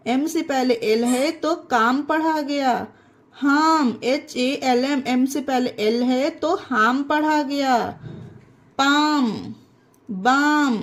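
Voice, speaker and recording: A woman teaching English pronunciation, spelling words letter by letter and repeating each one. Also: sits high. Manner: addresses viewers as friends. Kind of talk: slow step-by-step lesson.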